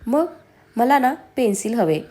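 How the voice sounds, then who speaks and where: A woman's voice: on the high side, animated, measured pace, a little mellow. A woman voicing a playful, pouty young pregnant wife in a storybook, coaxing and sulky.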